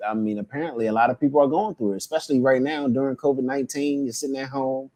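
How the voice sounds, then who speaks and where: A man's voice: mid-range voice, steady tone, quick pace, darkish tone. A man in his thirties hosting a podcast, talking loosely with many fillers and restarts. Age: 30s. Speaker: podcast host. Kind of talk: casual podcast chat.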